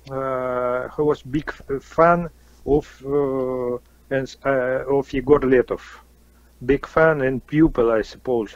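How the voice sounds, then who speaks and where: A man from Kazakhstan with a Russian accent, answering interview questions haltingly with many fillers and restarts. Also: medium pitch, no room sound, lo-fi sound. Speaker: interview guest, musician.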